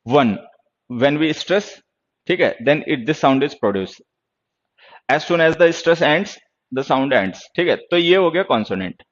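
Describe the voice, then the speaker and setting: Stern Hindi-speaking teacher, lo-fi sound. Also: male voice, fairly high pitch, animated, very slow. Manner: stern, lecturing, calls viewers "bachche". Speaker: English teacher. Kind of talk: online class, explaining grammar and answering chat.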